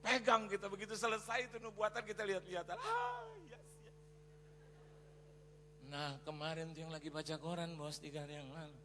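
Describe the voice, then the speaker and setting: A man preaching a sermon as a pastor, telling a story in an animated way, acting out quotes and mixing in English phrases. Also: a little high, fast, few pauses. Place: large church hall. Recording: reverberant church hall with faint noise.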